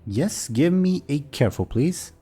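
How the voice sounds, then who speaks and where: A man's voice: a little high, very animated, a little slow, warm tone, slightly rough. A man running a tabletop role-playing game as game master, narrating and ruling casually.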